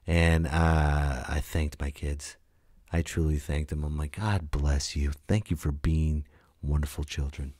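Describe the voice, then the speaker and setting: A very deep, slightly mellow male voice holds a steady tone at a measured pace. The speaker, a podcast host in his late thirties working solo, rants and tells stories casually with blunt emphasis, swearing and acting out quoted lines.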